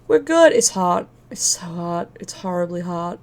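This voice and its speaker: A woman's voice: on the low side, lively intonation, unhurried, a little mellow. Chatty, profane woman hosting a livestream. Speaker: live stream host. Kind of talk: casual livestream chat.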